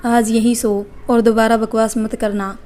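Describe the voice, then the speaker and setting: A woman voicing a hot-tempered young bride in a storybook, delivered evenly and flatly. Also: on the high side, a little slow, close to an everyday voice. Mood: angry.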